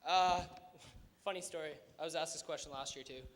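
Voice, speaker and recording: A man's voice: on the high side, brisk, a little hiss or hum. A young man, a pageant contestant, giving a joking, mock-earnest answer on stage in an echoey hall.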